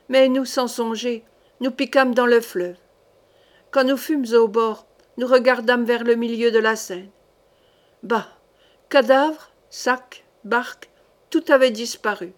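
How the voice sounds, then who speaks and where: A woman's voice: on the high side, natural voice. Brief: a scared, long-winded medieval henchman pleading before his lord, told in a story reading, voiced by a woman with a lightly raised voice. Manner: rambling, dramatic storytelling. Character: frightened male henchman pleading with a duke.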